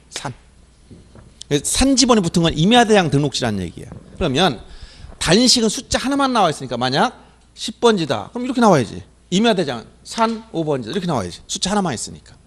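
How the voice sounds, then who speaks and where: A middle-aged male lecturer with a high, lively voice that swings widely in pitch. He keeps firing questions at his class and answering them himself, in a brisk exam-coaching manner. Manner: animated, drills students with repeated questions and answers.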